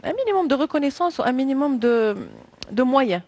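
A woman's voice: high-pitched, animated, very fast, darkish tone, no room sound. A woman with a Moroccan accent, a guest on a talk show, talking animatedly, laughing often and mixing in French. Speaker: guest, actress. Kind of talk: casual interview.

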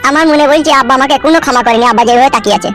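A woman's voice: high-pitched, racing, a bit bright, faint music behind. A woman voicing a disgraced young man who pleads and whines to his father in a comedy cartoon. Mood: pleading. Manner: pleading, whining.

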